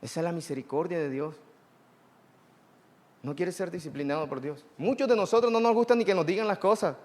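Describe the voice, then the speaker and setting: A man preaching a sermon, swinging from hushed, slow phrases to loud, drawn-out calls. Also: fairly high pitch. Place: church hall. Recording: long hall reverb.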